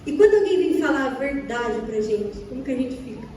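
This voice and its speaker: This is a young Brazilian woman preaching to a church, her Brazilian Portuguese-accented voice high, expressive, and a little fast. She keeps asking the listeners questions and acts out brief dialogues. Heard from far off in an echoey church hall, the recording has a noisy background.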